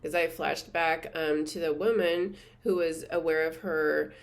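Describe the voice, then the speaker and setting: A woman hosting her own channel, chatting earnestly and reflectively to camera, with many fillers and soft laughs. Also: low voice, fairly even intonation, unhurried. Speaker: spiritual teacher and channel host. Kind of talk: casual reflective monologue to camera.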